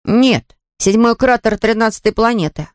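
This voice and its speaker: A woman voices a timid young schoolboy who scares easily, sounding whiny and defensive in a lightly acted performance. Her animated, slightly high voice is pitched above her own and moves at a moderate pace. The sound is clean studio audio with no room sound.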